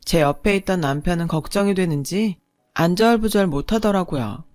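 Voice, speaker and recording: A woman's voice: on the low side, darkish tone, dry recording, studio quality. A woman telling her own family story in a blunt, frank first-person narration.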